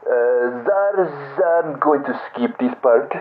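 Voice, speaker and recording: A man's voice: fairly high pitch, animated. Give me a man putting on a stammering inmate on a landline phone call. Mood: rambling. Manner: hesitant, stammering, halting. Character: bumbling male prison inmate caller. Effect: over a landline phone. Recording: tinny landline phone with faint hiss.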